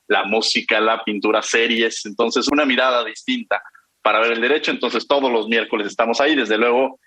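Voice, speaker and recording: A man with a Mexican accent hosts a radio talk show, courteous and a little rambling. His tone is bright and forceful at a middling pitch. The sound is dry and close to the mic. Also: no echo, poor audio. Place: radio studio.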